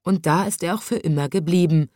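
A woman reading a children's story aloud in a calm, measured storytelling voice. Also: lowish voice, no room sound, clean studio sound.

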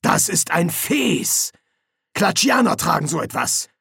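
A man's voice: fairly high pitch, sing-song, takes it slowly, creaky, a bit bright, slightly rough, dry recording, clean studio sound, voice pushed up, full character voice. A man voicing a bumbling, portly middle-aged army sergeant in an audiobook, with a raised, blustering voice. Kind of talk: audiobook character voice.

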